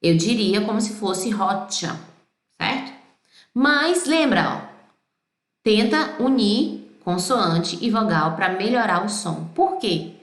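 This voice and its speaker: Slow-talking Brazilian woman teaching Italian. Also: mid-range voice, animated, echoey room. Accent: Brazilian Portuguese. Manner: sings song lines slowly, then explains quickly. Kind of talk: pronunciation lesson.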